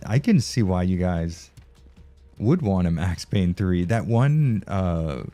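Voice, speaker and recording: Male game streamer, low mellow voice, loose profane chat with viewers. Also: big pitch swings, slow pace, faint music behind. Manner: profane, rambling, laughs often. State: tired from no sleep. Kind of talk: casual live-stream chat.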